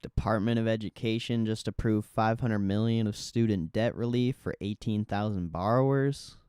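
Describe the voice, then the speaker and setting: A man's voice: fairly low pitch, steady tone, moderate pace, darkish tone, smooth, dry recording, studio quality. A man livestreaming as a trading host, chatting casually and offhandedly with slangy market commentary and mild swearing.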